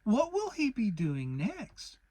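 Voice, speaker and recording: A woman voicing a motherly female kangaroo, brisk, soothing and firm, in a children's storybook reading. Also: fairly high pitch, wildly swooping pitch, dark tone, pitched above the performer's own voice, full character voice. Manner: thoughtful, soothing, mildly severe nannying.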